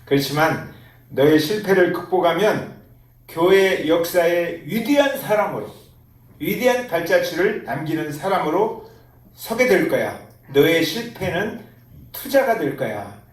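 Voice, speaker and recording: A man voicing Jesus as a gentle, questioning teacher, in an echoey church hall. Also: high-pitched, animated, unhurried. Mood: tender. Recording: roomy church hall, mic at a distance.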